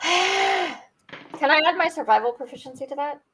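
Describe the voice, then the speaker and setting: A woman playing in a tabletop game, chatting casually with wry, deadpan asides. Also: high-pitched, normal speed, a little hiss or hum. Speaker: player.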